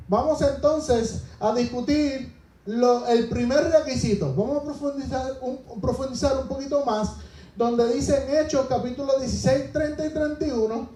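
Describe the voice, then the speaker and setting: A man's voice: very high-pitched, dark tone, echoey room, poor audio. A man preaching a sermon to his congregation, asking them rhetorical questions and retelling scripture as a story.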